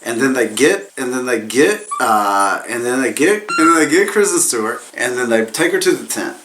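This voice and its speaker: A man's voice: mid-range voice, animated, moderate pace, a bit bright, a little hiss or hum, rough recording. A man who sounds drunk, giving a casual comedic movie recap as a reviewer, rambling, repeating himself and losing his thread.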